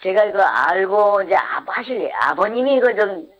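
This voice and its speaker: An interviewee in their fifties speaks through an electronic voice changer that disguises who they are. The speech is hesitant and halting, with many restarts. The altered voice comes through dull and lo-fi, at a middle pitch. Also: expressive, fairly bright tone. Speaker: interviewed investment fraud victim. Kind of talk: anonymous radio interview.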